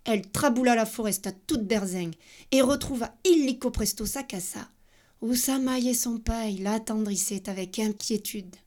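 A woman reading a children's storybook aloud with expressive, playful narration. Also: on the high side, moderate pace.

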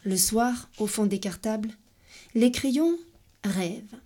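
A woman reading a children's storybook aloud with expressive, playful narration. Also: fairly high pitch, slow.

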